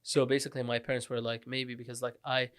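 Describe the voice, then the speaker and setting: A talkative man from the Middle East hosts a relaxed podcast conversation. He laughs easily and restarts his sentences often. His pitch sits in the middle of the male range. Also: fast talker, clear, resonant tone. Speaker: podcast host. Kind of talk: casual podcast chat.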